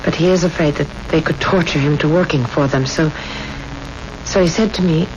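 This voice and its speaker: With a low, natural voice and brisk pacing, a woman performs a frightened, pleading young woman in desperate straits for a 1970s radio drama. She stammers and implores, sounding weary and confiding. The audio is an old, muffled, noisy radio recording.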